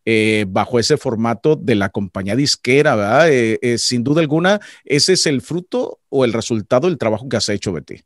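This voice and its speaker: A man hosting a radio interview, friendly and measured with frequent hesitations. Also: medium pitch, expressive, dry recording. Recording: dry close sound.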